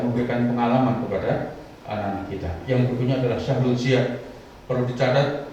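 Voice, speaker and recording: A man's voice: medium pitch, mellow, slight background noise. A middle-aged man giving a humorous Ramadan sermon, acting out little everyday scenes and often addressing his listeners as Bapak Ibu. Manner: humorous, acts out little scenes from daily life. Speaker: Islamic preacher. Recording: dull, echoey hall from a distance.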